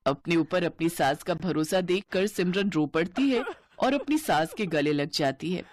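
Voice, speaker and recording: A woman narrating a cartoon story in a clear, steady storytelling way. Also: on the low side, measured pace.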